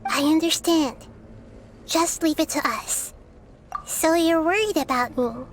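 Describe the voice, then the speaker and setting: A woman voicing a wise, kind young goddess in a game, speaking calmly and thoughtfully. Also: high voice, unhurried, a little hiss or hum. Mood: gentle. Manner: calm, gentle and thoughtful. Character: wise young female deity, calm and kind. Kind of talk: game cutscene voice acting.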